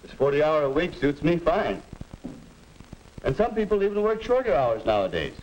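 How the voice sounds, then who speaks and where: A man's voice: fairly high pitch, big pitch swings, normal speed, a little mellow, low-quality recording. An actor playing a genial, easygoing father in the folksy style of a 1950s educational film. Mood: genial, contented. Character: cheerful, easygoing middle-class father.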